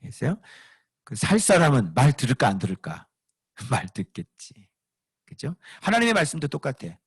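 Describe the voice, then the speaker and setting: A man, a pastor, preaching a sermon with lively, emphatic delivery, often asking his listeners questions. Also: medium pitch, moderate pace, breathy edge, no echo. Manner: animated, asks the congregation questions, rises to shouting emphasis.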